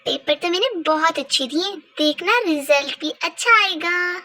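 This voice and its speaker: A woman's voice: very high voice, normal speed, sharp tone. A woman voicing a cheerful, spoiled teenage girl in a doll-play story, chirpy and a little whiny.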